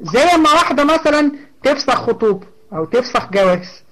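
A woman's voice: sits high, animated, a little fast, fairly bright tone, rough recording. A woman with an Egyptian accent teaching a religious lesson conversationally, asking rhetorical questions and checking in with her listeners.

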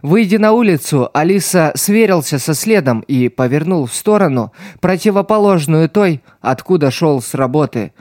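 A man narrating an audiobook in a measured, dramatic way. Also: a little high, animated, darkish tone, no room sound, studio quality. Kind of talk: audiobook reading.

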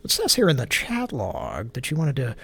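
Gravelly and fairly bright with a breathy edge, this man's medium-pitched voice swings hugely in pitch at a moderate pace. As a live show host he rambles through irreverent jokes in comedic chat, often breaking off mid-thought.

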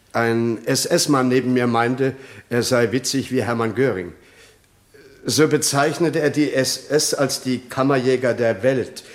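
An actor playing a witness who gives calm, matter-of-fact testimony in a 1960s radio drama. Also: male voice, medium pitch, lightly acted. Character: calm male witness giving sworn testimony.

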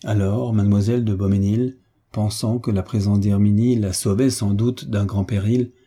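Male audiobook reader, low voice, dark and mellow, measured dramatic delivery. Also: fairly even intonation, husky. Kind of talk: scripted narration.

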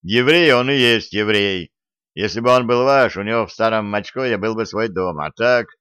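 A man's voice: fairly low pitch, normal speed, fairly bright tone, clear, resonant tone, no room sound, clean studio sound, natural voice. A man voicing a brash, mocking special-forces commander in an audiobook reading. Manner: scornful, provoking.

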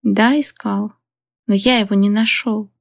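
A woman's voice: medium pitch, steady tone, measured pace, gravelly, dry recording, studio quality. A woman reading the part of a weary, guarded older father, speaking in a muted way.

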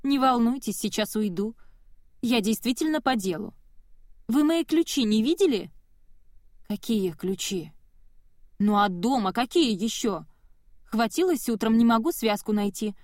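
A woman's voice: on the high side, lively intonation, unhurried, pauses often, darkish tone, no room sound, studio quality. A woman voicing a mocking, sarcastic young woman who taunts and sneers.

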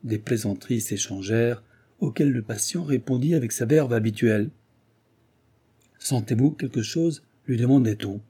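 A man narrating a novel as an audiobook reader, with steady, even storytelling. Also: mid-range voice, a little fast, slightly rough.

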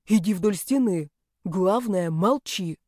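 A woman voicing a sly, grumpy young male snake-man who talks in a gruff, hissing, bossy way. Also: medium pitch, animated, slow pace, mellow, no echo, studio quality. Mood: urgent.

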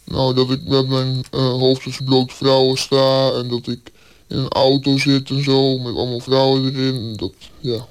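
A thirteen-year-old boy in a news interview clip, his voice disguised with a deep pitch shift, speaking hesitantly with fillers. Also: normal speed, slight background noise. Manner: hesitant, with fillers and flat delivery.

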